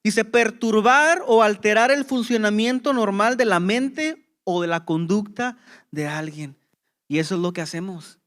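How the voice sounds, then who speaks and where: A man's voice: high-pitched, unhurried, a bit bright. A man preaching a sermon as pastor, with impassioned emphasis and rhetorical questions to the congregation.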